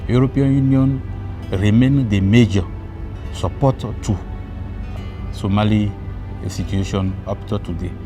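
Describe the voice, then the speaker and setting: Male official interviewee, low register, halting non-native delivery, over music. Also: fairly even intonation. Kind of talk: unscripted interview remarks. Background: prominent music.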